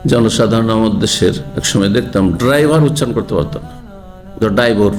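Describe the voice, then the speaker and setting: A man's voice: fairly low pitch, fast talker, faint music behind. A man, an Islamic scholar giving a religious lecture who explains and asks the audience rhetorical questions.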